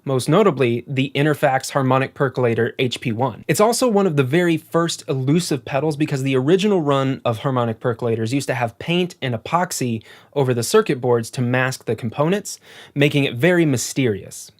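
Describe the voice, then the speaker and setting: A man's voice: medium pitch, fairly quick. A man giving scripted, informative narration for a video. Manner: informative, explanatory.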